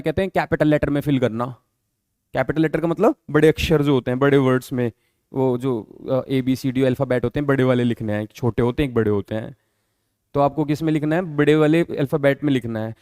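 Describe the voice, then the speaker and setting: A man lectures on accounting as if in a classroom, his fairly high voice carrying a darkish tone. He explains patiently, repeats the important terms, and keeps checking whether students understand, all in a close, dry recording with no room echo.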